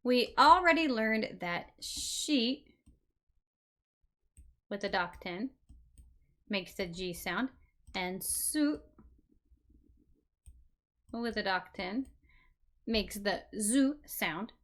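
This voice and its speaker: A woman's voice: medium pitch, expressive, very slow, long pauses, a bit bright. A woman giving an online beginner Japanese lesson, patiently repeating example words and often checking in with "right?". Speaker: Japanese language teacher.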